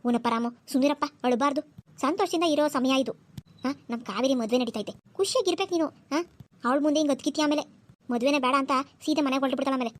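A woman voicing a caring wife in a cartoon, gently consoling her husband. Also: high voice, fast, close to an everyday voice. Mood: soothing. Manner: soothing, consoling.

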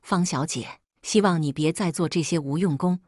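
Brief: female narrator doing a gentle older mother, breathy and low-pitched, story reading. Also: moderate pace, no echo, clean studio sound. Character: older wealthy mother, kind and protective.

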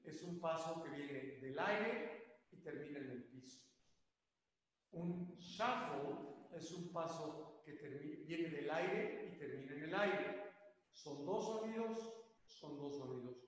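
An older man teaches tap dance, explaining each step slowly and repeating the step names to demonstrate. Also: on the high side. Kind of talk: spoken dance lesson. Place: dance studio. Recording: very echoey studio, long reverb.

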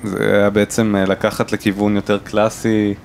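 A man interviewing a guest, halting and filling pauses as he searches for his words. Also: on the low side, monotone, creaky, slight background noise. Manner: halting, many fillers. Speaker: interviewer, college director. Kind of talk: hesitant interview questions.

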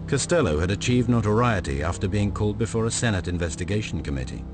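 Brief: male documentary narrator, deep low voice, steady, even delivery. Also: fast talker, over music. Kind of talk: scripted narration.

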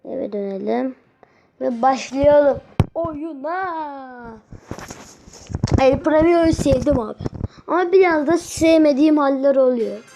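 High-voiced woman grumbling over gameplay. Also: slow pace, long pauses, highs cut off, noisy background. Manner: grumbling, repeats words while playing. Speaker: gaming video host. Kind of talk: live gameplay commentary.

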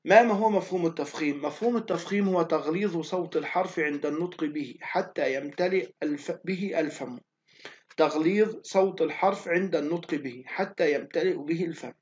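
A man's voice: fairly high pitch, brisk, a little mellow, dull audio. A male teacher giving a recorded online lesson, repeating each definition and drawing out letter sounds to drill pronunciation.

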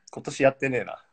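Chatting on a live stream as a guest, this pro footballer in his 40s is relaxed and jokey, laughing frequently. His mid-range voice is gravelly and fairly bright, with a slightly rough quality.

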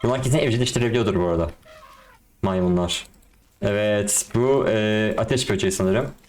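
A young man giving casual, excitable commentary on a game and talking to his viewers in slang. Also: lowish voice, a little fast. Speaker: gaming YouTuber.

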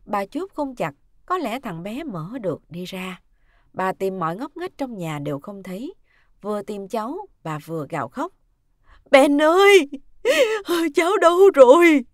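A woman narrating a dramatic story in an expressive, scripted reading. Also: medium pitch, moderate pace, no echo, studio quality.

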